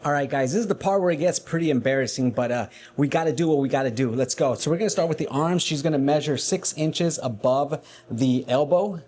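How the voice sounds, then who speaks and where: A man's voice: on the high side, brisk, few pauses, darkish tone. Upbeat, self-mocking man in his forties. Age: 40s. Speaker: fitness vlogger. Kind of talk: casual vlog talk to camera. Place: gym.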